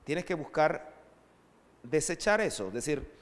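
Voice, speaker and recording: A man preaching a sermon as pastor, lively and conversational, with asides to the congregation. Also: on the high side, measured pace, big-room sound.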